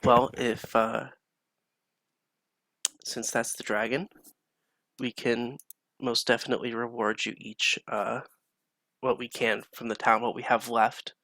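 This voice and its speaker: A man's voice: medium pitch, little pitch movement, a little slow, long pauses, pushed and bright, no echo. A man voicing a stern but polite woman innkeeper who speaks formally and courteously. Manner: formal, courteous, slightly reproachful.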